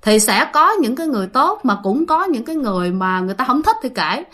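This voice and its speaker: Female host, higher voice, chatty ghost-story teller who talks straight to listeners. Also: very animated, fast talker, pushed and bright. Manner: chatty, addresses listeners directly, many fillers. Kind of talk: casual storytelling.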